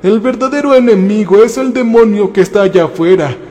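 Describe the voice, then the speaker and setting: A man's voice: high-pitched, lively intonation, normal speed, dark tone, long reverb tail. A man voicing a village pastor who addresses an angry crowd in a narrated horror story. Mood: pleading calm. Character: solemn male village pastor calming a mob.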